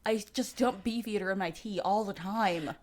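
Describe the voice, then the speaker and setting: On a casual podcast, a woman co-host rambles through the chat with lots of fillers and restarts, her slight lisp coming from dental aligners. She speaks at normal speed in a medium-pitched, slightly mellow voice.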